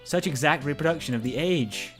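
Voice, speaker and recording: A man's voice: fairly high pitch, fairly quick, fairly bright tone. A man reading a visual novel aloud among friends, narrating informally and tripping over the script now and then. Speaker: narrator of a let's play. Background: faint game music.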